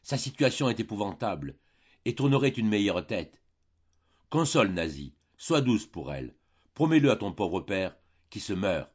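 A man reading an audiobook voices an older father, pleading and heartbroken, his voice loud and imploring in a dull, muffled recording. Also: lowish voice, sing-song, moderate pace, slightly rough. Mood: weak.

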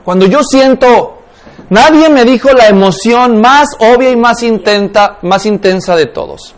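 Man, high-pitched, teacher, classroom lecture, questioning the class. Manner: keeps asking the class questions. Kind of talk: classroom lecture on spiritual life. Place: classroom with students.

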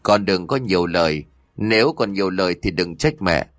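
A man voicing a stern older matriarch who gives harsh orders slowly and coldly. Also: low-pitched, animated, no echo. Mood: cold commanding. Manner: slow, imperious.

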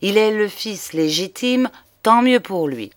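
A woman reading the part of an excitable old man, an amateur detective who mutters and broods to himself. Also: medium pitch, a little slow, no echo, close to an everyday voice. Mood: brooding. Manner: agitated, musing to himself.

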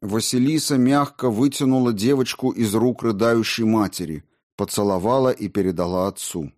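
A man narrating an audiobook in a steady, measured way. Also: on the low side. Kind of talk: scripted narration.

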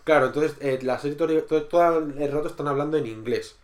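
A man's voice: on the high side, fast talker. A man co-hosting a podcast, chatting casually about a TV series, rambling with many restarts and repeated words. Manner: acts out characters' lines in quotes. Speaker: podcast co-host reviewing a TV series. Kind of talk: casual chat.

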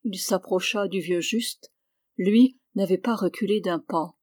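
A woman narrating a literary novel as an audiobook, in a measured, clear reading. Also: medium pitch, a little mellow, dry recording, clean studio sound. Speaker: audiobook reader.

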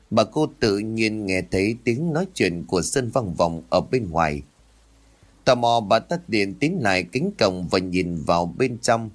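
Low-voiced man telling a ghost story. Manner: dramatic, suspenseful storytelling. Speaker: narrator.

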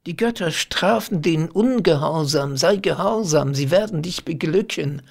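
Man doing an anguished young shepherd, urgent, gravelly, kind of breathy. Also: mid-range voice, fairly even intonation, slow pace, a bit bright, whispered, heavily acted.

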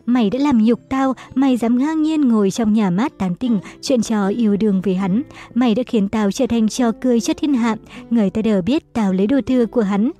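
A woman voicing a furious, jealous young husband who shouts insults and accusations at his wife. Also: fairly high pitch, a little fast, faint music behind, lightly acted.

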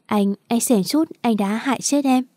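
A woman's voice: fairly high pitch, moderate pace, no room sound, clean studio sound, natural voice. A woman doing a remorseful young man. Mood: tender remorseful. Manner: gentle, apologetic. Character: remorseful young man comforting his lover.

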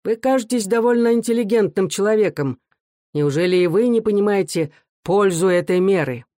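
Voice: mid-range voice, fairly quick, mellow, no room sound, voice pushed up, natural voice. A reader putting on a curt, imperious factory director. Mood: cold, imperious. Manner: dry, curt and commanding. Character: stern factory director, middle-aged man, imperious. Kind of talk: audiobook character voice.

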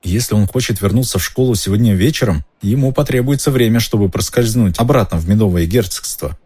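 A man narrating an audiobook in an expressive storytelling manner. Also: on the low side, fast, husky.

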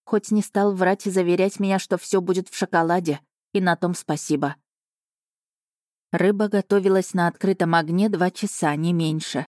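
A woman reading a first-person novel aloud in an even, measured storytelling manner. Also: lowish voice, dry recording, studio quality. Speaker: audiobook narrator.

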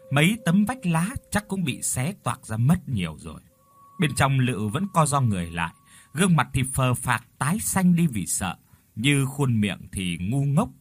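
A man narrating a ghost story with an expressive, lively delivery. His voice is husky, and faint music plays behind him. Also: medium pitch. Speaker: audiobook narrator.

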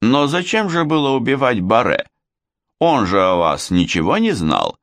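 A man's voice: medium pitch, sing-song, moderate pace, fairly bright tone, dry recording, voice pushed up. Man playing a stern noble lady-in-waiting. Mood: reproachful. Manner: reproachful questioning.

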